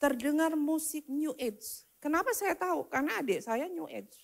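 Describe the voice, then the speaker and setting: A woman preaching a personal testimony, swinging from loud declarations to hushed whispered prayers. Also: high voice, lively intonation, moderate pace, gravelly. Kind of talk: testimony sermon.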